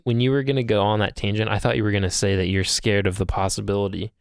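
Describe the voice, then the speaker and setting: Low-ish guy teasing his buddy on a podcast, joking and swearing, dry mic. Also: flat delivery, quick pace, gravelly, clean tone, no echo. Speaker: podcast co-host. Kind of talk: casual chat.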